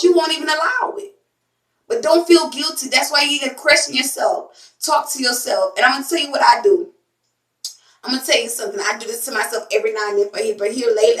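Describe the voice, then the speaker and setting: A woman's voice: fairly high pitch, bright, forceful tone, reverberant, far from the mic, rough recording. A woman hosting a spiritual tarot channel, talking casually and emphatically to her viewers, repeating phrases and using everyday slang.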